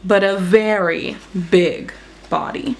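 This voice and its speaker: A woman reads a children's picture book aloud as a storyteller, giving expressive narration with dramatic emphasis on action words. Her voice is mid-range and slow-paced, with fairly even intonation. There's slight background noise.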